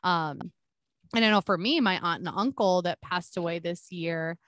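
A woman's voice: on the low side, moderate pace, a bit bright, no echo. Podcast co-host, woman, candid and profane, on a call whose audio glitches and drops out, dry sound. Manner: candid, swears freely. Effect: glitching, cutting-out internet audio. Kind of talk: casual chat. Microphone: video call.

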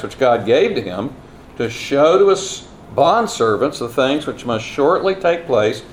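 A man's voice: lowish voice, a little mellow, reverberant. Man preaching at a pulpit microphone, noisy recording. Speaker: guest preacher and Bible lecturer. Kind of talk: sermon with scripture reading and prayer. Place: church conference, speaking to seated congregation. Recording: clear background noise, live room.

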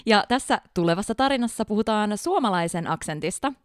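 A woman co-hosting a casual podcast as a flight attendant, telling stories in an animated way and laughing often. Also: mid-range voice, clean tone, no room sound, studio quality. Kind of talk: casual podcast chat, reading listener stories.

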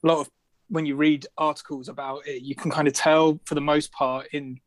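A man chatting as an interview guest, his voice a little high. He is self-deprecating and quick to laugh, with plenty of hesitant restarts, recorded close and dry. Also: level tone, no echo. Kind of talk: casual interview chat.

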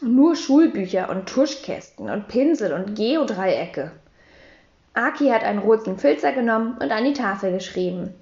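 A woman reads a children's story aloud, her high voice rising and falling with lively expression. The sound is roomy and slightly dull, like a room recording. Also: moderate pace. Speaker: audiobook reader. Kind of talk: children's audiobook narration.

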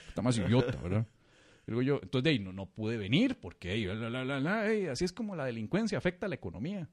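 A man's voice: mid-range voice, expressive, fast talker. A man with a Costa Rican accent, a podcast co-host telling a rambling, self-mocking story in a casual, slangy way. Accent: Costa Rican Spanish.

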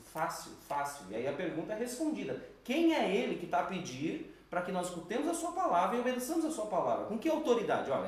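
A man preaching a sermon, telling stories in an animated way and acting out the voices he quotes. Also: sits high, heavy reverb, far from the mic.

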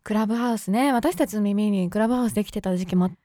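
A woman's voice: medium pitch, rapid-fire, warm tone, no echo, studio quality. A young woman co-hosting a podcast in casual, rambling chat full of fillers. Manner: chatty, rambling with many fillers and trailing "sa" endings. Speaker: podcast co-host.

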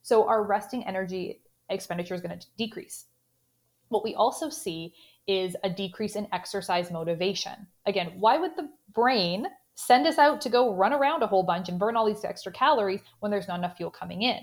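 A woman's voice: mid-range voice, brisk. A woman with a Canadian accent, a sports dietitian guest on a podcast interview, explaining steadily with frequent "you know" fillers.

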